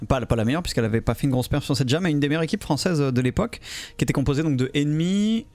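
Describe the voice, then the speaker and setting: A man's voice: fairly high pitch, animated, rapid-fire, a little mellow, no room sound. A man hosting a casual interview podcast, speaking in a chatty, teasing way. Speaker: podcast host.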